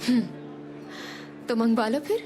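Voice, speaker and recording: A woman's voice: fairly high pitch, a little slow, music in the background, lightly acted. A woman dubbing a cheerful TV presenter who chats and teases lightly. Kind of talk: dubbed TV drama.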